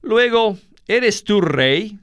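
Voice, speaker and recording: A stern roman governor, read out by a man who questions in a slow, smooth, slightly high voice. his measured tone is pressed hard but stays controlled. dry, close sound with nothing around it. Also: animated, a bit bright, dry recording, highs cut off, exaggerated voice. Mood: questioning.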